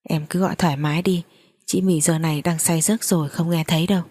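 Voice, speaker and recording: A pushy, possessive man in a spoken story, as a woman storyteller reads him in her own low, mellow voice. He talks in an insistent, coaxing way. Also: steady tone, quick pace, slightly rough.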